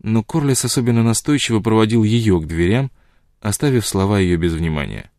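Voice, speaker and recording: A man reads an audiobook in a measured, steady way. His voice is low, and the close-miked recording is dry, with no room sound. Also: dry recording. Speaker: audiobook narrator. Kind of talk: scripted narration.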